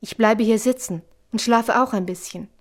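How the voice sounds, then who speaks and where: A woman voicing a calm, wise mother in a storybook reading, measured and steady. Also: a little high, close to an everyday voice.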